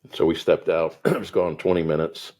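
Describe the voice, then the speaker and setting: A man's voice: a bass voice, a little fast. A middle-aged man, a guest entrepreneur, telling his business story in casual conversation and voicing the people in it. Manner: animated, voices the people in his stories.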